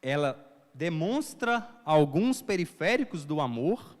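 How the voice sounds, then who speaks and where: A pastor giving a lively sermon, often asking his congregation questions. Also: a little high, takes it slowly, in a large hall. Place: church hall.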